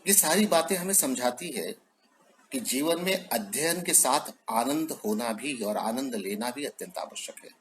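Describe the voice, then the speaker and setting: A man speaking as a guest at a Hindi Day event, telling a funny story with chuckles and reciting verses slowly. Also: medium pitch, lively intonation, slight background noise, low-quality recording.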